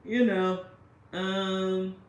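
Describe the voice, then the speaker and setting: A woman's voice: medium pitch, flat delivery, drawn-out words. A woman giving casual commentary straight to the viewer and reading quotes aloud, often checking in with her listener. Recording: roomy echo with faint noise.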